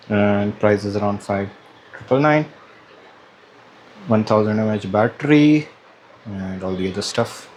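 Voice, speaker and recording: A man with a lowish, somewhat mellow voice offers casual, hesitant commentary as he unboxes a product for his vlog, reasoning aloud along the way. Room ambience and background noise are clearly audible.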